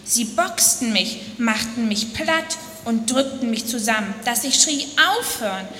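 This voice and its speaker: A woman's voice: a little high, animated, a little slow, a bit bright, roomy sound, in a large hall, a little hiss or hum. A woman voicing a delicate talking porcelain box that tells its story of being shaped, crying out for it all to stop. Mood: pleading. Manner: pleading cries of complaint. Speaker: speaker in a church dialogue sermon. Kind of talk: dramatic first-person storytelling.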